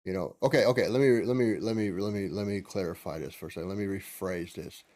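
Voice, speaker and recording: A man's voice: low-pitched, quick pace, darkish tone. An older man co-hosting a podcast, talking in a casual, emphatic way and repeating his points. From United States. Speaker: podcast co-host. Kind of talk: casual chat.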